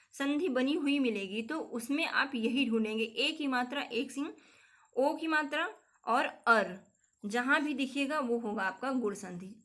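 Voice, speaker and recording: A woman's voice: a little high, bright, forceful tone. A young woman teaching a grammar lesson for exam preparation, repeating the key points and calling her viewers friends.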